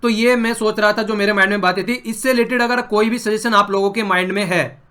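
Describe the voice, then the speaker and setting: A man's voice: high-pitched, steady tone, fast, bright, forceful tone, clear, resonant tone. A young man teaching an exam-prep lecture to online viewers, earnest and persuasive. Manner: earnest, repeats promises and appeals.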